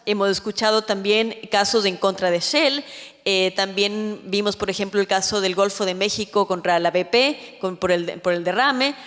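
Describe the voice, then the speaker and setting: A woman's voice: medium pitch, moderate pace, fairly bright tone. Woman speaking in a reverberant hall. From Ecuador. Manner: earnest, many fillers and restarts. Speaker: secretary of an ethics tribunal presenting to lawmakers. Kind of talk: formal public address. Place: legislative chamber hall.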